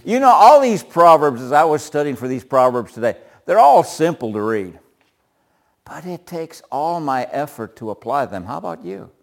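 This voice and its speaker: A man with a loud, slightly high voice leads a group Bible study, chuckling often and putting questions to the group.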